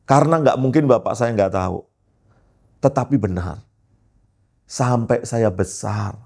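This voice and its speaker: Lively low-voiced pastor telling his story. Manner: lively storyteller, addresses listeners as brothers and sisters. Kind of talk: personal testimony storytelling.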